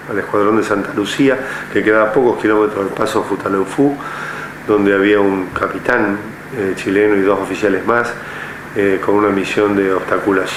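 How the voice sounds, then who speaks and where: Older argentine ex-general talking slow and careful, lots of ehs, lowish voice, roomy echo, bit of hiss. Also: male voice. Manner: measured, with frequent filler hesitations. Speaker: retired army general interviewee. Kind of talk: oral history interview. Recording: echoey room with faint noise.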